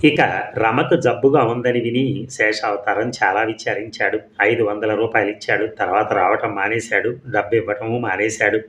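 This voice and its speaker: A man narrates a serial story in a steady, measured reading. His voice sits fairly low. The recording has an echoey room sound.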